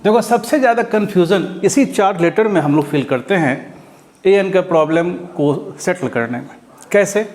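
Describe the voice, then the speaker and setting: Man from India, high-pitched voice, English grammar teacher, patient explaining, frequent rhetorical check-ins. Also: expressive, moderate pace, a little mellow. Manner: repetitive, checks in often with rhetorical questions. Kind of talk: classroom grammar lesson.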